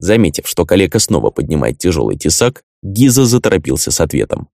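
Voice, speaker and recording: A male audiobook narrator with a deep, low voice. He reads in a measured, even manner. The recording is close and dry, with no room sound. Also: gravelly, no echo. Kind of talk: scripted narration.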